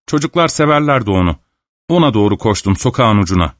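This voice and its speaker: Man reading a novel out loud, steady and measured, dry close mic. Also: on the low side, dry recording. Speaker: audiobook narrator. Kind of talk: literary audiobook narration.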